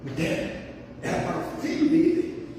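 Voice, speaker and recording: A man preaching a sermon with passion, calling his listeners brothers and breaking into high cries when he quotes others. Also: huge pitch swings, moderate pace, dark tone, a little hiss or hum. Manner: impassioned, rising to high cries when quoting Jesus and the father; addresses listeners as brothers, repeats words. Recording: echoey hall, voice from a distance.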